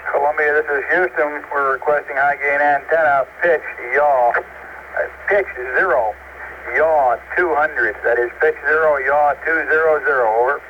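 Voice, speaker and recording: Male mission control communicator, heard over a crackly, hissy radio link; measured procedure callouts, numbers read digit by digit. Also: on the high side, fairly even intonation, muffled recording. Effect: crackly two-way radio transmission.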